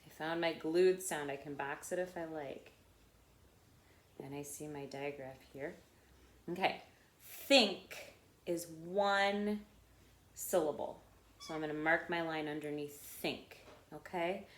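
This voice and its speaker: A woman's voice: sits low, fairly even intonation, a little slow, reverberant. A woman teacher giving a phonics lesson, talking step by step and repeating each word aloud.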